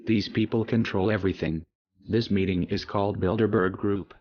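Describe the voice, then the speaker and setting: An anonymous man narrating a scripted message in a disguised, pitched-down deep voice, with a grave, declaring tone, on a dull lo-fi recording. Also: steady tone, moderate pace. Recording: dull lo-fi audio.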